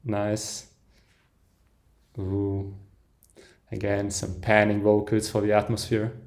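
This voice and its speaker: This music reaction host speaks slowly in a lowish voice with a completely flat delivery. Reacting live to an album, he's enthusiastic nonetheless, with soft "ooh"s, chuckles, and sentences he frequently abandons and starts over as he listens.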